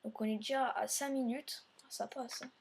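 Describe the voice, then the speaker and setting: A woman's voice: fairly high pitch, fairly even intonation, normal speed, slight background noise. Meandering woman narrating her gameplay. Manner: meandering, filler-heavy narration while playing; speaks directly to viewers. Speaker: let's play host. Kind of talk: let's play commentary.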